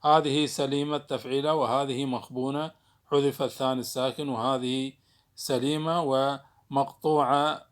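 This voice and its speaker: A man teaching a recorded lesson on Arabic poetic meter. He explains slowly and deliberately, spells out syllables, and stops to restart while he thinks. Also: medium pitch, fairly even intonation.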